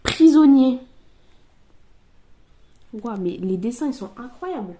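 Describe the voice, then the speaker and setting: A young woman streaming from a table at home, chatting casually while opening card packs and slipping into halting English. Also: a little high, a little mellow. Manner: chatty, thinking aloud, switching into halting English.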